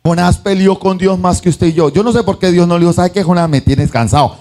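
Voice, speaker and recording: A pastor preaches a sermon in a high-sitting, slightly fast voice with faint music behind him. Animated, he acts out the voices of the story and asks his congregation questions such as "¿sí o no?".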